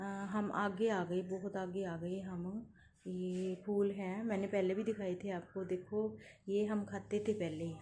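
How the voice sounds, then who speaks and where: Chatty woman vlogging outdoors, flat voice. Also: medium pitch, a little hiss or hum. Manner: chatty, meandering, pointing things out. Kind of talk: casual walking vlog narration. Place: outdoors among village fields.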